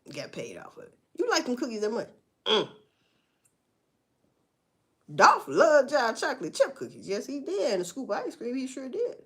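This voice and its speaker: A woman's voice: high voice, wildly swooping pitch, normal speed, long pauses, a bit bright, husky. A woman giving casual, profane and sarcastic commentary, rambling along with sighs and laughs. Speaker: vlogger commenting on news.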